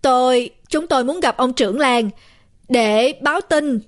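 A woman voicing a hesitant young village man who halts and stammers as he breaks bad news. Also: high-pitched. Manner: halting, stammering.

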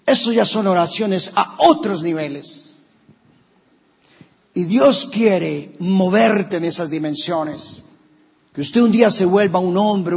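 A Colombian man preaching a sermon as a pastor, animated, acting out quoted voices and rising at times to shouts. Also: high voice, vocal fry, slightly rough, big-room sound, dull audio. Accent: Colombian Spanish. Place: church.

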